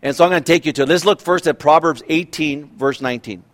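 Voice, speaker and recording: A pastor in his fifties delivers a sermon in an easy, conversational style, his voice a little high for a man, quick-paced and fairly bright. He keeps questioning his listeners and restarting his sentences.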